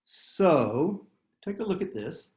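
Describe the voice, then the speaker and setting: A man's voice: fairly high pitch, sing-song, slow, a little mellow, reverberant. A man giving a writing workshop on a video call, plain-spoken and self-deprecating, with frequent fillers and restarts. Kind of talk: webinar presentation.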